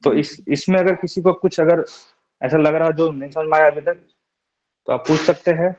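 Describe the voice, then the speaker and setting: A man's voice: on the high side, fairly even intonation, a little mellow. A young man teaching a Sanskrit class online, patiently sounding out syllables one by one and checking in with his students. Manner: reassuring, repeats syllables slowly, often asks "theek hai?". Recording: dull lo-fi online class audio.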